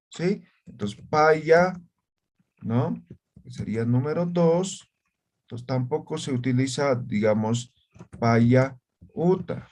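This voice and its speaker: A man's voice: mid-range voice, darkish tone. A man teaching an online language class over a video call, who checks in often with short questions.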